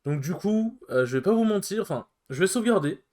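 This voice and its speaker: A man's voice: high-pitched, lively intonation, fairly quick, darkish tone. A man hosting a let's play, giving casual, rambling commentary full of hesitations.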